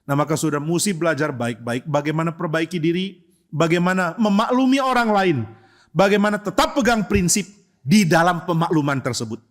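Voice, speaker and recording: A man preaches an expository sermon at a church service, talking to his congregation in a lively, conversational way. His voice sits a little high, and he often slips into the voices of the people he quotes. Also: brisk. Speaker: pastor.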